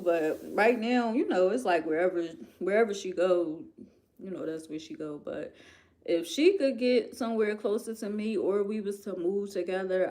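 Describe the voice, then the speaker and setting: An animated woman with a Philadelphia accent talks casually straight to her viewers, leaning hard on her points and repeating them for effect. Her voice sits at an ordinary middle pitch for a woman. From United States. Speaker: vlogger. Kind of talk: casual chat to camera.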